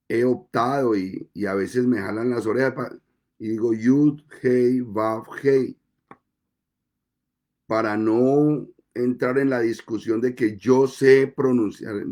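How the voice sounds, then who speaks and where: A male pastor delivers his sermon at an unhurried, deliberate pace. His voice is mellow and dark-toned, and he lets pauses settle between phrases. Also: medium pitch. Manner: slow, deliberate preaching with measured pauses.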